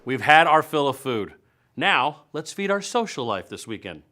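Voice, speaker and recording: Faint music plays behind a man of medium pitch whose voice swings widely and has a sharp edge at a normal speed. He hosts a web show, delivering scripted comedic news and events in a playful, punchy way that leans hard on stretched, emphatic words.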